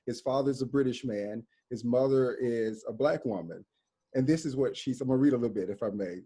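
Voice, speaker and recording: Warm, husky-voiced man from Mississippi. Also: mid-range voice, a little fast. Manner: thoughtful, searching for words, self-correcting. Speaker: writer and panelist. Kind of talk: panel discussion.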